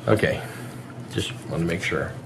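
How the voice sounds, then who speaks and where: Playful teasing dad vlogging at home. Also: male voice, deep voice, normal speed, gravelly. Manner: playful, teasing, hesitant with fillers. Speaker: vlogger and father. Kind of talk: casual home vlog chat. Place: home, at the dinner table. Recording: roomy echo with light background noise.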